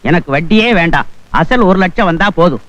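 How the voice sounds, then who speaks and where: An actor playing a creditor who insists on repayment before a funeral can go ahead. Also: male voice, high voice, animated, fairly quick, a bit bright. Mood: insistent. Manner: insistent, formal. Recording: dry, dull film soundtrack.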